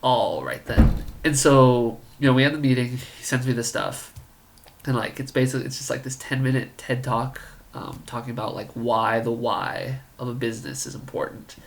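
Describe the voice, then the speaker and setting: A man's voice: mid-range voice, moderate pace, creaky. A man in his twenties casually telling a story about his own life, rambling and full of "like" and "you know". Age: 20s. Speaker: college student storyteller.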